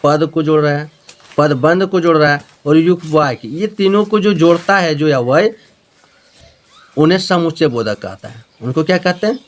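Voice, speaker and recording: Man, Jharkhand accent, grammar teacher, repetitive classroom explaining, slightly high voice. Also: moderate pace. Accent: Jharkhand Hindi. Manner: repetitive, explaining with homely examples and checking questions. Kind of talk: Hindi grammar lesson.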